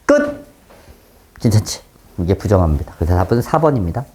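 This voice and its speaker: A man teaching a math class, often stopping to check that students follow and switching between polite and blunt speech, with sudden loud exclamations. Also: fairly high pitch, very animated, moderate pace, a little hiss or hum.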